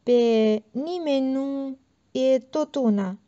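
A woman's voice: high voice, dark tone, lightly acted. A woman reading the part of a withdrawn, sullen young man who answers in short, terse phrases, on a dull lo-fi recording.

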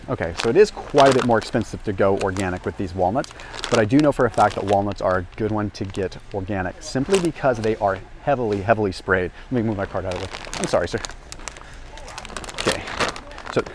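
A man's voice: fairly low pitch, noisy background. A man in his thirties talking energetically to camera as he walks a warehouse store aisle, explaining nutrition with a lapel mic. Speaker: health and nutrition vlogger. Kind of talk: educational grocery walk-through. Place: large indoor warehouse store. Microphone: small lapel mic.

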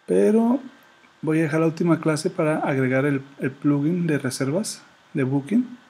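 A man giving a relaxed screen-recorded web design tutorial, thinking aloud and reading out words as he types them. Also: fairly high pitch, moderate pace, husky. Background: keyboard typing and faint room noise.

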